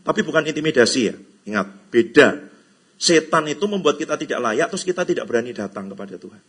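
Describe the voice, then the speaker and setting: A man's voice: on the high side, lively intonation, fast talker, fairly bright tone, husky. A middle-aged man from Indonesia, a pastor giving a chatty, teasing sermon to a church gathering, slipping into English phrases and playful quoted voices. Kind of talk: conversational sermon. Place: church hall.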